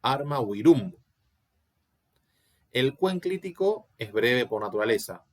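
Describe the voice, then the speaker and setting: A man's voice: medium pitch, big pitch swings, slow. A man giving an online Latin class, explaining step by step and often checking that students follow. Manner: patient, explanatory, asks checking questions. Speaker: Latin teacher.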